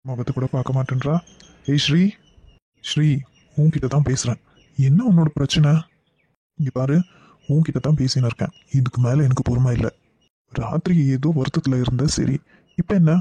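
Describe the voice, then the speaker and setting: A steady family man from a cartoon web series, voiced by a man. His tone is mellow and a little husky, on a dull lo-fi recording. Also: medium pitch, normal speed, pauses often, no room sound, close to an everyday voice. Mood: annoyed. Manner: calm, reassuring. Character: adult man, calm steady family elder brother.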